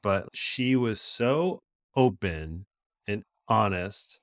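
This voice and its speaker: A man co-hosts a podcast, chatting casually with a playful, joking manner. His voice sits on the low side. The sound is dry and close, with no room echo. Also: expressive, very slow. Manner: joking, playful, quotes people in put-on voices. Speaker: podcast co-host. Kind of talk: casual chat.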